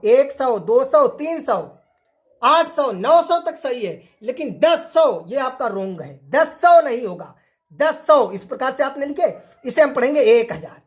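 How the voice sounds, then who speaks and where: A woman teaching an online maths lesson, who repeats each point and keeps asking the class rhetorical questions. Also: sits high. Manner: repetitive, drilling, asks the class rhetorical questions.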